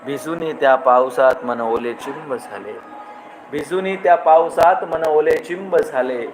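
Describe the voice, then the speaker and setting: A man's voice: on the high side, unhurried. A male host reciting poems on a livestream. He repeats lines with rising emphasis. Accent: Marathi. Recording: noisy livestream recording.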